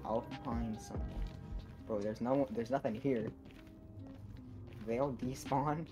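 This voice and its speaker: A man's voice: medium pitch, unhurried, over music. A man chatting and teasing his friends while playing a game. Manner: teasing, animated. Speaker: gamer. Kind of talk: casual gaming chat with friends.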